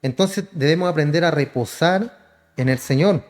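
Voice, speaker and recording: A man's voice: a little high, moderate pace. A man, a pastor preaching a sermon, often calling listeners "hermano" and answering his own questions. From Chile. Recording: church hall reverb.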